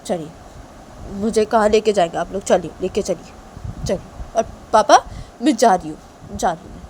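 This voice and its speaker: A woman's voice: mid-range voice, moderate pace, a little mellow, slight background noise, close to an everyday voice, rough recording. A woman voicing a hurt young woman who tearfully and defiantly repeats that she is leaving for good.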